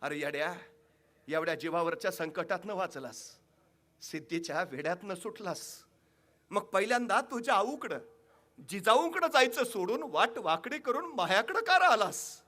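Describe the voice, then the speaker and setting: A woman's voice: medium pitch, expressive, normal speed, a bit bright, pitched above the performer's own voice. A male orator voicing a grieving, proud old village mother who speaks in rustic, scolding words. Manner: rural village speech, scolding and fierce.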